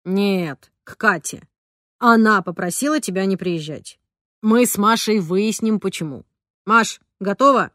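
A woman reading the part of a brisk father who takes charge, in an audiobook, giving orders in short bursts. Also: medium pitch, fairly bright tone, no room sound, studio quality, lightly acted. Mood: calming. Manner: commanding, brisk.

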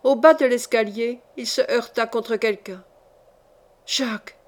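A woman narrates a classic novel in a measured, careful audiobook reading. Her voice sits a little high for a woman, and she tells the story clearly and steadily. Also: fairly even intonation. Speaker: audiobook reader.

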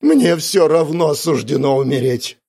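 A man's voice: mid-range voice, lively intonation, normal speed, a little mellow, slightly rough, pitched above the performer's own voice. A man doing a tearful, frightened young woman. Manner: pleading, breathless swearing.

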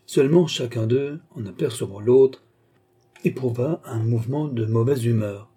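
Homme lecteur de livre audio, voix très sombre, narration posée. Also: male voice, mid-range voice, moderate pace, mellow, breathy edge. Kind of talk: reading a classic novel aloud.

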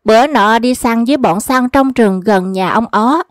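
A woman reads humorous folk tales aloud, steady and even. Her voice sits fairly high. The recording is dry and close, with no room sound. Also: normal speed, no echo. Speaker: storyteller.

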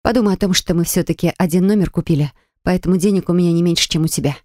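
A woman's voice: on the low side, very fast, warm tone, dry recording, close to an everyday voice. A woman voicing a blunt, sardonic young tomboy with a dry, cutting manner in audiobook dialogue.

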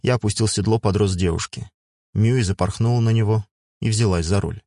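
A man reads a first-person fantasy audiobook in a measured, even manner. His voice sits low. The recording is dry and close, with no room sound. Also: dry recording. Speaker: audiobook narrator.

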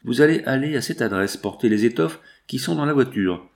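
A man's voice: medium pitch, animated, a little fast, creaky. A man voicing a resolute young woman giving firm, clipped orders in an audiobook reading.

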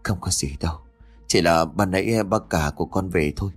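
A tired older mother, sighing and muttering under her breath, as a male narrator plays her. The voice drops low and soft, in a spoken ghost story. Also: fairly quick, slightly rough, faint music behind. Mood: weary.

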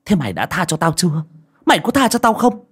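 A man voicing a fierce, vengeful young pregnant widow in a spoken horror story, with a shrill, scolding and menacing delivery. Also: wildly swooping pitch, fast, a bit bright, breathy edge, exaggerated voice. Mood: furious.

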